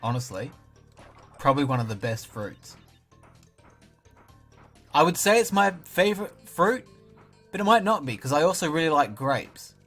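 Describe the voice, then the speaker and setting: A young man with an Australian accent narrates his gameplay in a casual, dry, self-mocking way. His voice sits mid-range but has a bright, forceful edge. Faint game music plays behind him. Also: a little high, big pitch swings, moderate pace, pauses often. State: talking with a mouth full of banana at times. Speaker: gaming YouTuber. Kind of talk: casual let's-play commentary.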